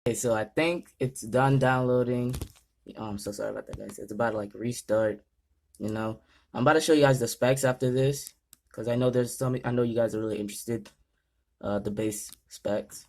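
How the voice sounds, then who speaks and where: Young male vlogger, jittery and chatty, trips over words while setting up a PC; mid pitch. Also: fairly even intonation, brisk. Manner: nervous, rambling, stumbles over words. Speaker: gaming channel host. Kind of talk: casual vlog commentary.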